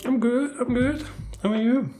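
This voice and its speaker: A man's voice: very high voice, steady tone, moderate pace, mellow, faint music behind. A man co-hosting a casual podcast chat, talkative and teasing, often restarting his words. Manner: chatty and teasing, with restarts and stammers. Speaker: podcast co-host.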